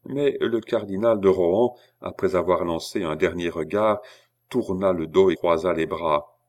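A man narrating a classic novel as an audiobook in a measured, subdued way. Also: deep voice, a little mellow. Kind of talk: audiobook reading.

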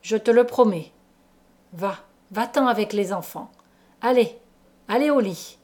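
A woman's voice: mid-range voice, darkish tone, natural voice. A woman voicing a grim, resigned father with a hollow, broken voice in a storybook reading. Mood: firm, weary. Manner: hollow, slow and subdued.

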